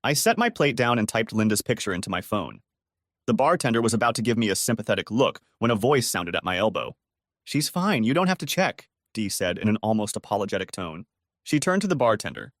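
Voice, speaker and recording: Man narrating a story, lively pitch. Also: fast talker, no room sound, clean studio sound. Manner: dramatic storytelling. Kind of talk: first-person audiobook narration.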